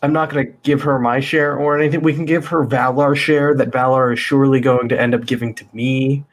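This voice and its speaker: Cocky, husky-voiced man player. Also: mid-range voice, steady tone, brisk. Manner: cocky, boastful. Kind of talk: in-character tabletop play.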